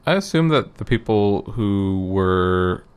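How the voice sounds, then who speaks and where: A man's voice: on the low side, expressive, takes it slowly, clean tone. A man chatting casually, rambling and hesitant, full of ums and restarts. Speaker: guest recounting an event. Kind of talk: casual chat.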